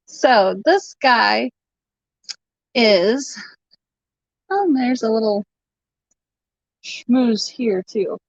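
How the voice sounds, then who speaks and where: A chatty woman runs a live vintage sale, laughing often as she talks. Her voice sits fairly high and she takes her time. The stream audio is dull and lo-fi, with a dry, close sound. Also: big pitch swings, very slow, creaky, pauses often, dry recording. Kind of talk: casual live-stream selling chat.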